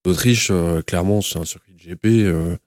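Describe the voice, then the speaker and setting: A man's voice: deep voice, normal speed, darkish tone, no room sound, clean studio sound. A man chatting casually and colloquially as co-host of a motorsport discussion. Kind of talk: casual chat.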